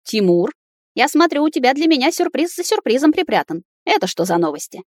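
A woman's voice: sits high, big pitch swings, a little fast, no room sound, studio quality, pitched above the performer's own voice. A woman voicing a bossy, stern grandmother who scolds her grandson in a raised voice. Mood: indignant. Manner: commanding, scolding.

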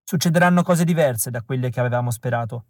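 A man's voice: medium pitch, quick pace, darkish tone, no room sound, clean studio sound, close to an everyday voice. A man reading as a wistful rebel woman. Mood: tender. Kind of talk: audiobook reading.

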